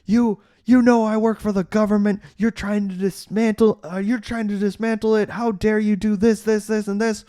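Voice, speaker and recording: A man doing a shrill furious dad. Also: flat delivery, moderate pace, hardly any pauses, no room sound, natural voice. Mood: outraged. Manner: shouty, indignant, stammering. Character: furious yelling middle-aged father.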